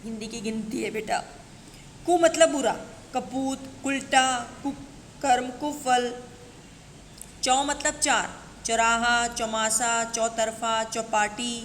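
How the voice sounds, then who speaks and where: A woman teacher with a slightly high voice talks slowly through a list of examples. She speaks to her students like a patient, familiar guide. The recording sounds like a bare room with a long echo. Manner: slow, listing examples one by one, calls students "beta". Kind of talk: classroom grammar lesson. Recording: echoey room with long reverb, faint noise.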